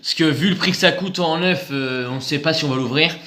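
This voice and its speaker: A man's voice: on the high side, brisk, pushed and bright. Man, casual unboxing chat, rambling, repeats words, roomy echo. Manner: rambling, repeats himself, joking. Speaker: video host showing purchases. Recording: echoey room, faint noise.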